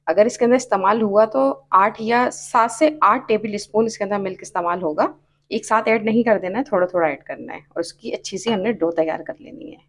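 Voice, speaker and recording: Off camera, over shots of only her hands cooking, a woman with a Pakistani Urdu accent hosts a cooking channel. She calmly explains each step of the recipe and repeats her tips in a brisk, medium-pitched voice.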